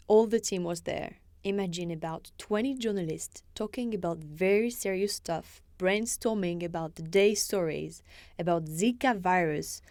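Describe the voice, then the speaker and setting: A woman's voice: mid-range voice, dry recording, studio quality. Wry French-accented woman reporter. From France. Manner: wry, self-mocking, animated delivery. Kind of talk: scripted first-person radio essay.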